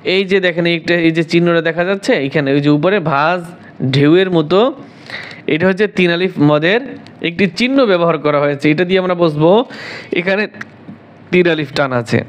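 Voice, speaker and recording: A man with a Bangladeshi Bengali accent teaching Quran recitation, spelling out each syllable and then chanting the verses slowly. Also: fairly high pitch.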